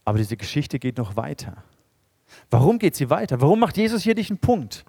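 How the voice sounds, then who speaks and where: A man preaching a sermon in a lively storytelling way, acting out the characters he quotes. Now and then he drops to a quiet, low voice to stress a point. The sound is dry and close, with no room echo. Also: a little fast, vocal fry, husky. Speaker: pastor.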